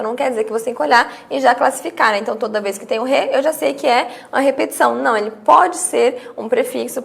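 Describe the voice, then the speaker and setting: A woman's voice: sits high, vocal fry. A woman teaching a grammar lesson, explaining step by step with rhetorical questions and acting out her students' questions.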